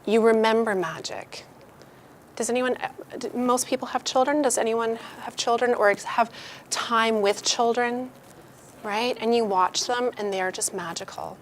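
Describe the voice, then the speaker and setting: A woman's voice: a little high, steady tone, normal speed, slight background noise. Candid, chatty woman leading a workshop. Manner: chatty and candid, swears freely, acts out quoted voices. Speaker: workshop speaker. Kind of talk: casual motivational talk to a live group.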